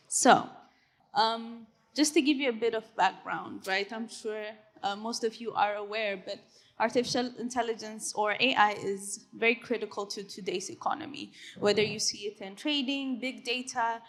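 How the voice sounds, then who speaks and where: A woman in her twenties from Ethiopia, CEO of a tech company, gives an earnest, conversational presentation on a conference hall stage. Her voice is medium-pitched and a bit bright, and she uses frequent fillers and tag questions.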